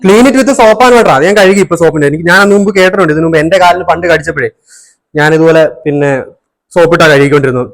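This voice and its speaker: A man filming a casual home prank for a family vlog, talking urgently and reassuring again and again, sometimes hushed. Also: fairly high pitch, rapid-fire. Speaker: family vlogger pulling a prank.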